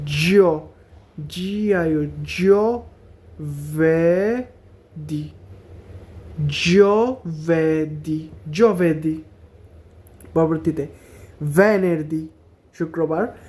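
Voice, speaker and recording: Slow, mellow-voiced man teaching Italian words. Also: on the high side. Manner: repeats each word slowly, syllable by syllable. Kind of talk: language lesson.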